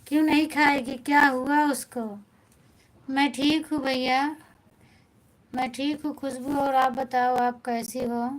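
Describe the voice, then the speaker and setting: Slow-talking Awadhi woman on a live stream. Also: high-pitched, level tone, rough recording. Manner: chatty and homely, greeting viewers and answering comments. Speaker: folk singer hosting a live stream. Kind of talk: casual live-stream chat with viewers. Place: at home at night, others asleep.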